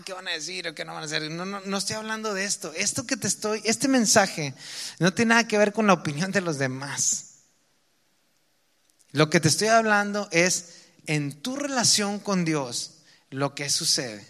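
A man with a Mexican accent preaching a sermon, reading scripture slowly and emphatically, then explaining it in casual asides. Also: high-pitched, pushed and bright, long reverb tail. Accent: Mexican Spanish.

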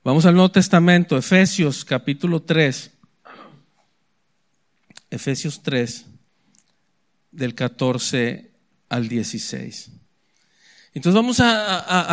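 A man preaching a sermon in a conversational way, often tagging lines with "¿verdad?" and slowing down to read scripture aloud. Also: high voice, a bit bright. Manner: conversational, frequent "¿verdad?" asides; slows for dramatic scripture quotes.

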